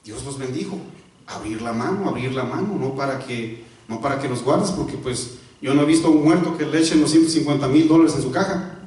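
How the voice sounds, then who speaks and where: In a church, a male pastor preaches with a steady, mid-range voice that is fairly quick and a little mellow. The recording is very echoey and distant, and he asks rhetorical questions, pauses to correct himself, and uses repetition for emphasis.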